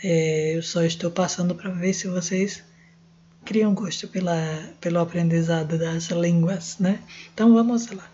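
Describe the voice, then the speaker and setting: A woman's voice: on the low side, fairly even intonation, a little slow, dark tone, husky, lo-fi sound. A woman with a Brazilian Portuguese accent giving a casual French lesson, spelling out letters and sounds. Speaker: language teacher.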